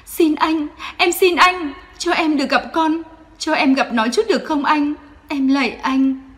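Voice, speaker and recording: A woman voicing a desperate young mother who begs tearfully for her child in a high, strained voice. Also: measured pace. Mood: desperate pleading.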